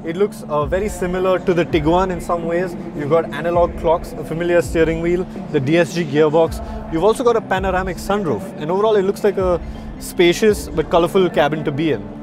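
A man's voice: on the high side, fairly quick. Upbeat man presenting at a car show. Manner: upbeat, explanatory, addresses viewers directly. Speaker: motoring journalist presenter. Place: large indoor auto show hall. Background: loud music.

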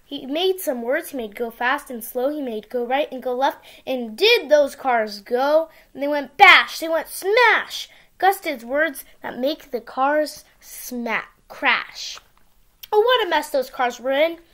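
A woman reads a picture book to young children using simple, expressive storytelling. Her voice is high-pitched and slow, captured on a device mic in a small indoor room with bookshelves.

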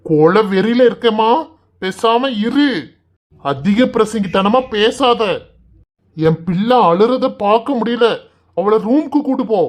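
A man's voice: high-pitched, animated, measured pace. A man voicing an angry, distraught village father in a cartoon, speaking a southern Tamil dialect. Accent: southern Tamil Nadu (Tirunelveli) dialect.

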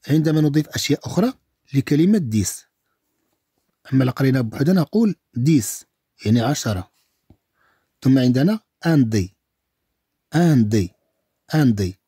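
Teacher casting: Moroccan man, slow drilled syllables, lively pitch, husky and mellow, dry close sound. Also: no room sound. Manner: repeats each word slowly several times. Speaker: French teacher. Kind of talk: slow, syllable-by-syllable language lesson.

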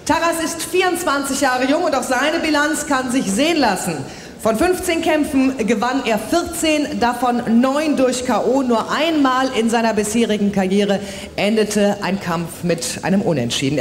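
A woman working as a boxing ring announcer, presenting a live gala in a formal but showy style with drawn-out fighter introductions. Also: high-pitched. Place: large indoor boxing arena. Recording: echoey arena PA with crowd noise. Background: crowd noise.

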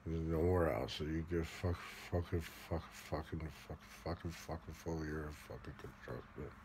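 A Michigan man in his forties with a Midwestern American accent talks in his sleep, rambling in a drowsy, halting, mumbled drawl with casual swearing; his bass voice stays steady. He lies indoors on a bed or couch while someone else holds a phone close, producing a noisy handheld recording.

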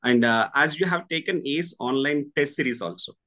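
A man in his thirties with an Indian accent, interviewing over a video call with halting, deliberate phrasing. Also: on the high side, sharp tone. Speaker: interviewer, senior faculty at a coaching academy. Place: small room indoors with curtains.

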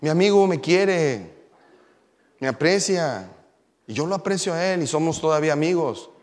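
A man's voice: a little high, animated, moderate pace, darkish tone. A man preaching a sermon, moving from telling a story to emphatic preaching. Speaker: pastor. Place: church sanctuary. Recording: long hall reverb.

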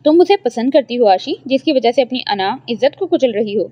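A woman voicing a gentle, earnest young woman student. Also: on the high side, expressive, dry recording, close to an everyday voice. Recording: dry, slightly dull lo-fi.

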